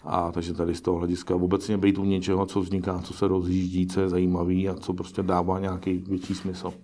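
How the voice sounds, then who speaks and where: Low, flat-voiced man being interviewed. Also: slight background noise. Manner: pragmatic, musing, self-correcting. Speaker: investor interviewee. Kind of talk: interview answers.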